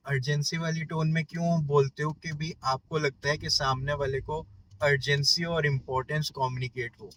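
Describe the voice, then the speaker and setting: A man coaching listeners in a casual self-help lesson, explaining with everyday examples and often pausing to check in. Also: on the high side, pushed and bright, a little hiss or hum, low-quality recording.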